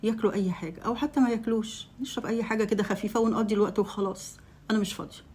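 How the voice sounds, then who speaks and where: A woman's voice: medium pitch, fairly even intonation, rapid-fire, darkish tone, husky, soft background music, voice pushed up, close to an everyday voice. A woman with an Egyptian accent voicing a cold, dismissive wife in a told story, curt and offhand.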